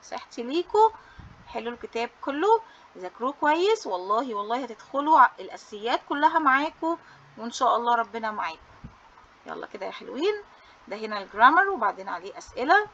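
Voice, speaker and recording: Her voice is a little high and sing-song, bright and forceful, and she talks fast on a muffled recording. She's an Egyptian Arabic-accented English teacher going over a study booklet for students in a cheerful, coaxing manner, slipping English terms into Arabic.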